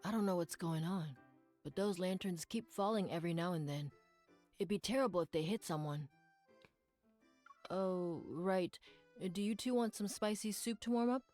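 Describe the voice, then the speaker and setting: A woman's voice: on the low side, normal speed, darkish tone, soft background music, natural voice. A woman playing a weary but helpful street soup vendor in a video game, speaking plainly with mild concern.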